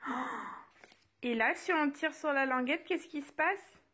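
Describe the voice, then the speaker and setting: High-voiced young French mom vlogging. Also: female voice, unhurried, sharp tone. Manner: chatty, many fillers, playful sing-song with the children. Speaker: vlogger and mother. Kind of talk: casual home vlog. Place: family home, child's bedroom. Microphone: phone held while filming.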